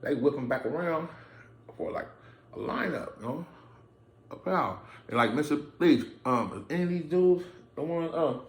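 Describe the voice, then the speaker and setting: A man's voice: on the high side, animated, normal speed, vocal fry, reverberant. A man vlogging to his camera from a room indoors, telling a personal story in a blunt, streetwise way and swearing freely. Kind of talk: profane casual storytelling. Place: indoor room, filming himself under lights. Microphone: camera mic.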